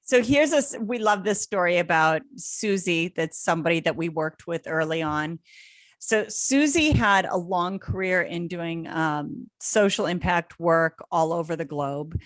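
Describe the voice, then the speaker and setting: A middle-aged woman co-hosting a career webinar, reading out chat comments in a brisk, conversational way. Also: fairly low pitch, no echo.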